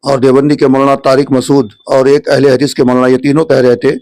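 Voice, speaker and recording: A man's voice: mid-range voice, little pitch movement, a little mellow. A man from India hosts a religious video, speaking directly to viewers and summarizing a question of Islamic etiquette. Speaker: host of an Islamic channel.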